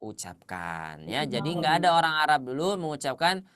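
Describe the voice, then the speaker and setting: A man teaching a tajwid class, quizzing his students and confirming their answers, at times chanting Arabic verses slowly. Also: on the high side, sing-song, a crowd in the background. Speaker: Quran recitation teacher.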